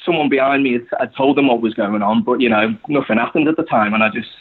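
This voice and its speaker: A young man from Liverpool, England, speaks fast with a Scouse accent, a medium-pitched voice and a breathy edge. He's a guest supporter on a casual podcast, rambling with plenty of "you know" fillers over a tinny, phone-like line.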